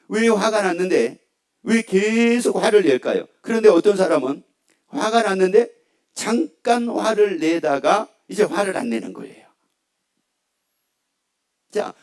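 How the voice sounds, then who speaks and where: A man's voice: high-pitched, a little mellow. A man preaching a Sunday sermon as pastor, asking the congregation rhetorical questions and building to fervent declarations. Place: church sanctuary.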